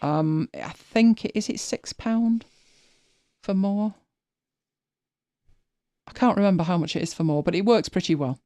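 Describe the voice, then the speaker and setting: A woman's voice: on the low side, a little slow, pauses often, dark tone, dry recording. A woman hosting a live stream, chatting casually as she walks viewers through her screen, thinking aloud and often restarting her sentences. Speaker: host.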